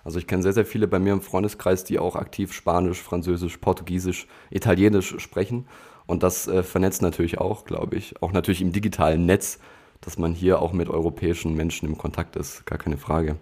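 A man's voice: sits low, little pitch movement, fairly quick, dark tone. A man co-hosting a podcast, candid and a little hesitant, with fillers and restarts. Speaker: podcast co-host. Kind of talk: conversational podcast talk.

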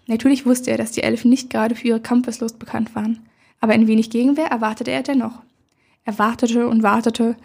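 A woman reads a first-person fairy tale aloud for children, calm and measured. Her voice is husky and dark in tone, pitched a little high. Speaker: storyteller. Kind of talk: scripted first-person story narration.

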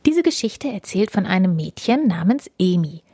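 A woman hosting and reading a storybook aloud to children in an animated, kid-friendly manner. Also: medium pitch, moderate pace, husky, no room sound, studio quality. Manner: warm, animated storytelling for kids.

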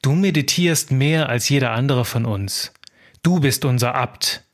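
A man voicing a calm, wise monk who speaks gently and steadily. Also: medium pitch, measured pace, natural voice. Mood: calm, reassuring. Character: calm, wise older monk reassuring a brother.

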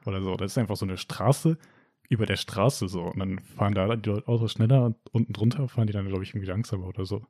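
A man's voice: on the low side, steady tone, fast, a little mellow, no echo, clean studio sound. A young man from Germany chatting casually, telling things in a colloquial, loosely hedged way. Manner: colloquial, hedging storytelling. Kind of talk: casual chat.

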